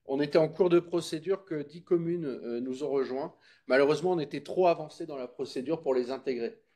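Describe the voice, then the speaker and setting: At a public meeting, a man presents in an informal, teaching manner, addressing listeners directly and making sure they're following along. His voice is mellow and soft-edged, on the high side, and he speaks a little fast.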